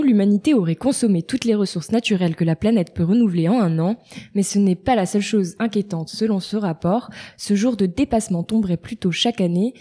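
A woman's voice: mid-range voice, dark tone. A woman hosting a radio talk show, reading a scripted segment and then chatting with her guests. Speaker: radio host.

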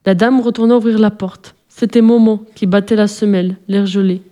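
A woman reading a children's storybook aloud as narrator, calmly and evenly. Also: medium pitch, normal speed.

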